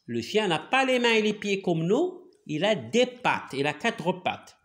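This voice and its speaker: A man's voice: high voice, big pitch swings, a little slow, a bit bright. A man with a Moroccan accent teaching a reading lesson, patiently spelling out letters and sounds and switching into Moroccan Arabic to explain.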